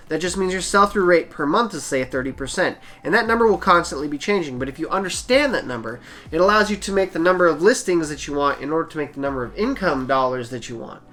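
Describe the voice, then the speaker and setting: A man's voice: fairly high pitch, a bit bright. Plain-spoken man giving seller tips. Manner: plain-spoken, practical, conversational. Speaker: channel host, eBay seller. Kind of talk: casual how-to talk to camera.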